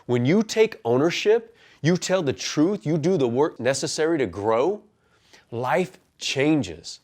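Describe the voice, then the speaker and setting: A man's voice: on the high side, very animated, slow pace, darkish tone. Earnest man in his forties, motivational storyteller. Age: 40s. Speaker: men's life coach and pastor. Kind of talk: personal testimony and motivational talk.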